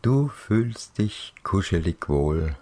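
Very slow, husky low-voiced man, soft and dreamy. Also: sing-song. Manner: soft, dreamy, soothing delivery with pauses. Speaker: narrator of guided fantasy journeys for children. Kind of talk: slow guided relaxation narration, audiobook.

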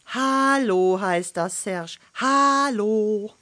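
A woman's voice: a little high, big pitch swings, no echo, exaggerated voice. A woman playing a patient, know-it-all storybook hen. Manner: gently correcting, soothing, unhurried.

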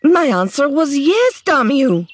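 A woman's voice: mid-range voice, very animated. A woman reading an audiobook, voicing a hot-tempered young woman who snaps and hisses her words. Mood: furious. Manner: sharp, hissing, quick to snap. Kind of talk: audiobook character voice.

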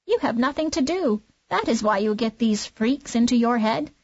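A woman voicing a bossy, self-important hen who scolds in a raised, high voice. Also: animated, normal speed, darkish tone, no echo, muffled recording. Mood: scolding.

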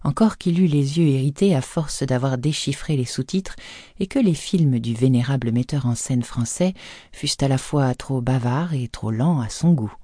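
A woman narrating an audiobook in a measured, even storytelling manner, recorded close on a studio microphone. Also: a bass voice, no echo.

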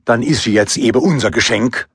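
A man's voice: medium pitch, a little fast, husky, no room sound, clean studio sound. A man voicing a cheerful male robber dressed as St. Nicholas, breezy and pushy. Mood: sunny, pushy. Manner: breezy, sunny menace.

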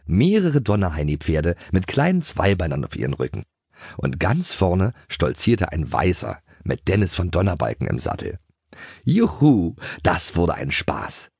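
A man narrating a children's audiobook in a playful, expressive way. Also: low-pitched, normal speed, creaky, slightly rough, no echo, clean studio sound.

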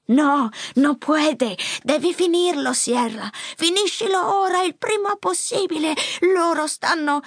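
Lady narrator putting on a weak old grandpa from a storybook, slow and raspy, creaky breathy voice. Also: high voice, dry recording, voice pushed up. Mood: urgent pleading. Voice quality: gravelly, breathy, halting. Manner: slow pleading warnings. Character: frail old grandfather after a stroke, urgent. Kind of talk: audiobook character voice. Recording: dry close studio mic.

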